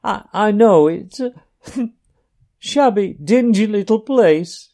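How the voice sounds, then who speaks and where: A man's voice: high-pitched, animated, slow pace, vocal fry, dark tone, pitched above the performer's own voice, heavily acted. A man voicing a tearful, timid little male mole who stammers and pleads through broken sobs. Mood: sobbing, grieving.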